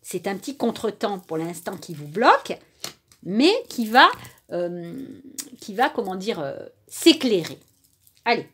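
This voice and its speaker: A woman gives a casual card reading straight to her viewers, her voice soft and a little breathy. Her pitch swings up and down as she talks. She keeps dropping in small fillers and now and then trips over a word. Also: very animated, a little slow. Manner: chatty, lots of "hein" and "euh", stumbles over words. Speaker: tarot and oracle card reader.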